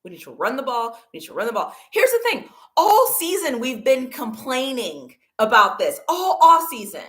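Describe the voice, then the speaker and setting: A woman's voice: sits high, big pitch swings, normal speed, a bit bright. A woman hosting a casual football livestream, talking to her chat in an emphatic, argumentative way. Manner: talks to chat viewers. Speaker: livestream host.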